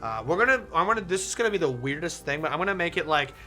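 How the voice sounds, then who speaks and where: A game streamer chats casually with very lively, varied pitch and a bright tone. The talk rambles and doubles back on itself, sweary at times, with faint music underneath. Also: rapid-fire. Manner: animated, profane, rambling and self-interrupting. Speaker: gaming streamer reading a visual novel aloud. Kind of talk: casual, chatty game commentary.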